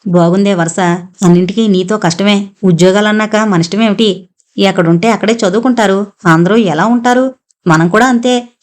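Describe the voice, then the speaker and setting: A woman's voice: medium pitch, normal speed, close to an everyday voice. A woman voicing an exasperated middle-aged mother who brushes off her daughter's complaints in an audiobook novel. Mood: impatient. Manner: scolding, impatient.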